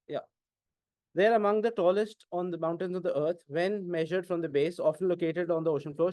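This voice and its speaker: A man with an Indian English accent teaching an exam-prep class, mixing Hindi and English and often asking whether it is clear. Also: a little high, a little mellow, no echo. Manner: keeps asking "is it clear?", questions and answers his own prompts.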